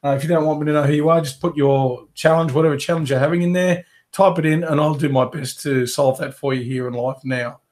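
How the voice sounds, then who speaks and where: A man's voice: a little high, fast, hardly any pauses, a little mellow. A man with a head cold and a fading voice, rambling casually through a live webinar Q&A from his home office. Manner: casual, rambling, with many fillers and restarts. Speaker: carpet cleaning business coach.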